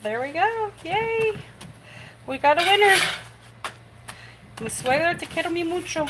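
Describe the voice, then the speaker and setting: Her voice sits a little high, with a noisy background behind it. She's a cooking show host streaming casually from her kitchen, rambling, chatty and quick to make fun of herself.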